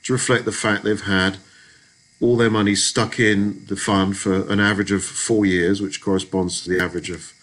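Over poor audio, a man narrates a screen-recorded spreadsheet walkthrough as a lecturer, using a fairly low, level, slightly bright voice at normal speed. His explanation is methodical and goes step by step, though he keeps restarting his sentences.

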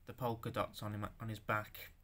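A young man with a bright, forceful voice shows off his handmade figures in a loose show-and-tell. He stammers, restarts and swears as he goes, and he sounds unused to talking out loud. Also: lowish voice, little pitch movement. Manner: halting, stammering, swears, self-conscious. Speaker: stop-motion creator showing his figures.

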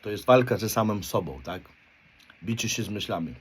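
This motivational speaker is a Polish man in his thirties whose fairly low, expressive voice moves at a normal speed over slight background noise. His blunt confessional monologue is full of street slang and constant swearing, with points often ending in a questioning "right?".

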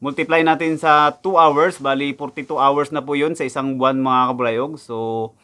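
A man's voice: medium pitch, steady tone, moderate pace, bright, forceful tone. A young man from the Philippines, a factory worker abroad, vlogging casually about his wages indoors, talking to viewers in a chatty way and repeating his figures. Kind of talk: casual explainer vlog. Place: indoors in front of a backdrop.

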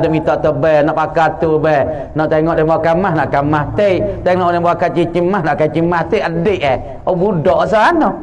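A man's voice: high-pitched, a little mellow, poor audio. A man from southern Thailand with a Patani Malay accent, preaching a mosque sermon as a religious teacher, telling stories and acting out quoted voices in a teasing way.

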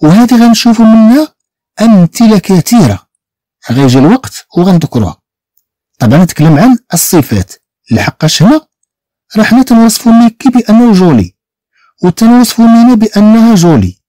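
Moroccan guy teaching beginner french, says each sound over and over, mellow voice, pitch jumps around a lot. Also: very animated, no echo. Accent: Moroccan Arabic. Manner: patient, drills sounds by repeating them slowly. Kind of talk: beginner language lesson.

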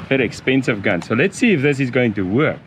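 Out on a catamaran's deck, a man in his fifties who runs a sailing vlog talks through a boat cleaning job step by step, plainly and with restarts, filmed on a close-held action camera. He talks fast in a mid-range voice with lively intonation, and the outdoor boat audio is noisy.

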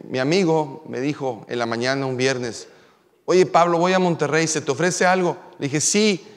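A man preaching a sermon, moving from telling a story to emphatic preaching. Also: a little high. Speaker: pastor. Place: church sanctuary. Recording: long hall reverb.

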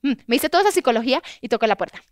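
Lively high-voiced woman telling a story. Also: racing, dry recording, clean studio sound. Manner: expressive storyteller, acts out quotes with loud outbursts and laughs. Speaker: guest host telling a story. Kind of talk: animated anecdote on a chat show.

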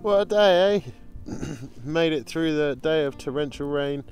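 Music plays behind a man with a slightly high voice who is vlogging his bushcraft in a rainy forest. He talks at a measured pace, upbeat and casual, dropping playful jokes along the way.

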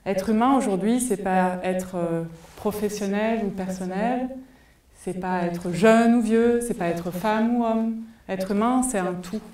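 A woman's voice: medium pitch, mellow. A woman in her forties giving a conference talk, thoughtful and full of hesitation fillers, on a headset mic in a large cinema hall. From France. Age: 40s. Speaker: conference speaker. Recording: echoey hall, voice from far off.

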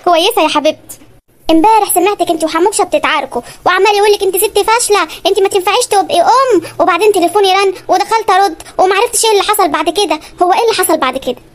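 A woman's voice: extremely high pitch, rapid-fire. A woman voicing a nosy, pushy Egyptian housewife neighbor in a comedy cartoon, with an Egyptian Arabic accent. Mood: prying. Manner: prying, pushy, chatty.

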